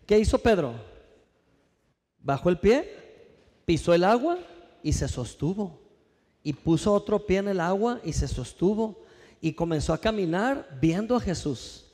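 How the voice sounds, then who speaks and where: High-voiced preacher in a reverberant hall. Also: male voice, a little slow, pauses often. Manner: lively preaching, rhetorical questions, calls for congregation response. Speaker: pastor. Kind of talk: sermon. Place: church.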